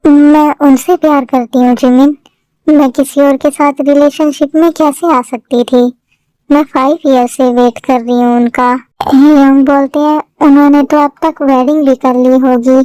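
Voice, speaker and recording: Woman voicing a lovesick young woman, fan dub, high voice, dry close sound. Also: steady tone, a little slow, warm tone, dry recording, poor audio. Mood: sad. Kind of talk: fan-made dubbed drama.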